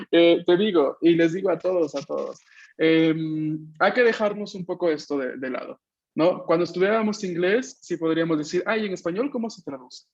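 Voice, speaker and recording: Over a video call, a man teaches an online Japanese class, explaining things patiently and checking that his students are keeping up. His voice is on the high side with a darkish tone, and the sound is lo-fi.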